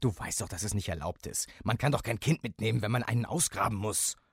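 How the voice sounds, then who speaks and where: A gruff, blunt father with a firm, no-nonsense delivery, as read by a man. The voice stays close to a plain male reading voice, a little louder and harder. The sound is dry and close. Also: on the low side, fast talker, no echo. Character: gruff stern father, middle-aged.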